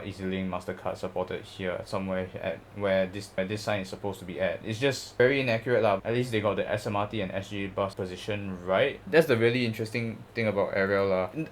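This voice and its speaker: Low-pitched Singaporean man chatting over background noise. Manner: rambling, informal, ends phrases with "lah". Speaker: video host, model bus collector. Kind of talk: casual chatty review vlog.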